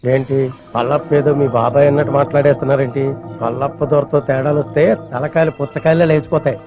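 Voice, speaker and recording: An actor playing a short, cowardly comic sidekick who talks nervously and mocks himself. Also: male voice, extremely high pitch, steady tone. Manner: nervous, quick, self-mocking. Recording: dull film soundtrack with music.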